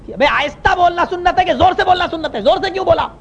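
A preacher voicing an angry, hostile male imam who shouts and scolds. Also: very high voice, gravelly, voice pushed up. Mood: angry shouting. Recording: muffled lo-fi sermon recording.

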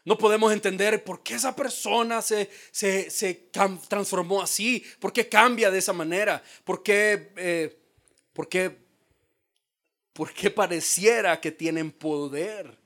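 A male pastor preaching a sermon in a dramatic style, dropping to a hush and then rising to shouts. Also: high voice, measured pace. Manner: dramatic, acts out quoted voices, swings from hushed to shouted.

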